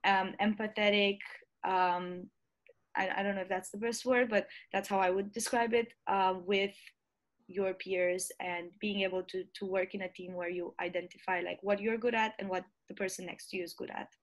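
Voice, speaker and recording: Speaking at normal speed in a steady, mid-range voice, a young Romanian woman in her early twenties answers interview questions as a student leader. She's on a video call with earbuds in a bright home room, pausing with ums and restarting thoughtfully.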